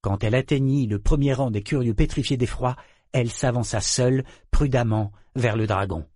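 Clean studio sound with no echo frames this scripted narration: a man reads a novel aloud as an audiobook, keeping a measured, even storytelling pace at medium pitch.

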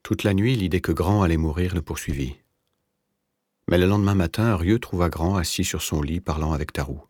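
A man reading a novel aloud as narrator, in a measured, even literary delivery. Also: low voice, slightly rough, no room sound, studio quality. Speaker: audiobook narrator.

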